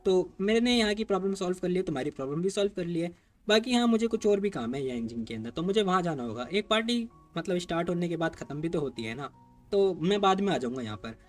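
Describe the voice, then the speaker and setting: A man giving voice to a calm young hero from a comic who talks easily and reassuringly. The delivery is quick and lifted in pitch, close to an everyday storyteller's voice. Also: soft background music.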